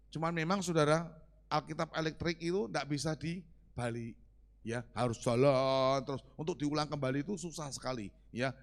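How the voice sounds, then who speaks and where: A male pastor with a fairly high, gravelly voice preaches a conversational sermon. He keeps asking the congregation questions, shifting between quiet asides and loud, emphatic lines.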